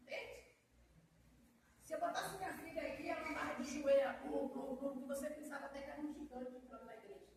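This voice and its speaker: A Brazilian woman missionary delivers a heartfelt testimony sermon in a high voice, turning often to her listeners as brother and sister. She is recorded from a distance in a strongly echoing church hall, with faint background noise. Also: darkish tone. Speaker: missionary preacher. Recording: very echoey, mic far off.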